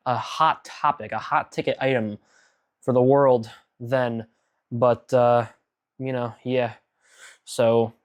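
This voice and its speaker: A man giving casual director's commentary on his own old video, rambling and self-critical with many fillers. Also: medium pitch.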